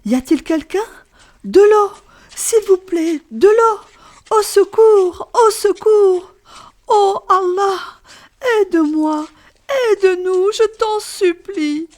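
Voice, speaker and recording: A woman's voice: extremely high pitch, slow pace, darkish tone, pitched above the performer's own voice. A woman voicing a desperate young mother who cries and begs for help. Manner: shrieking, sobbing pleas. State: crying.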